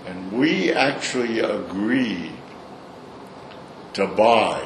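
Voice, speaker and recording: A man's voice: fairly low pitch, expressive, drawn-out words. An older man with a Brooklyn accent telling his stories informally in an interview, in a blunt, salty, opinionated way. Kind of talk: informal storytelling in a recorded interview. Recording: echoey room, clear background noise.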